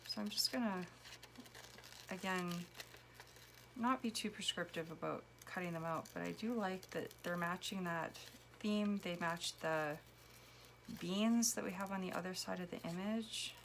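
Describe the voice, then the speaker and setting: A woman giving casual commentary while making a collage, a little hoarse as she loses her voice, dropping to a whisper as she works. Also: on the low side, measured pace, a bit bright, a little hiss or hum. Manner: chatty, drops to a whisper while working. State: losing her voice. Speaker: collage artist.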